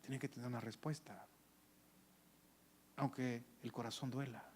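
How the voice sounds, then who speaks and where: A man preaching a sermon as pastor, with animated delivery that swings between loud calls and hushed asides, acting out voices from the story. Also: mid-range voice, unhurried, slight background noise. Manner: acts out voices of people in the story.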